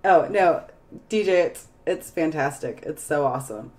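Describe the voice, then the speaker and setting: A woman's voice: sits low, lively intonation, normal speed, a little mellow. Tired, rambling woman streamer. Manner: rambling, searches aloud for words. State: tired, voice going hoarse. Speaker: game streamer. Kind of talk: casual live stream chat.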